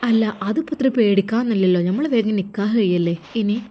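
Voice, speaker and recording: A woman's voice: mid-range voice, fast talker, highs cut off, natural voice. A woman plays a caring middle-aged mother who fusses and frets in a lifted voice. She speaks in a storybook reading. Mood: fussing. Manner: fussing, raised voice.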